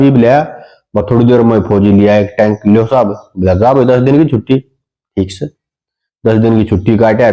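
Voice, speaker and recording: Man, Haryanvi accent, comic storyteller, mellow tone, slightly dull lo-fi sound. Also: mid-range voice. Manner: dialect storytelling with sing-song quoted voices. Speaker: comedian. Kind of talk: telling folk jokes.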